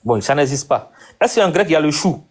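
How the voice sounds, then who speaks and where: Hosting a live debate, a man with a fairly high, expressive voice speaks at a fairly quick pace. He presses his guest insistently and keeps repeating his points.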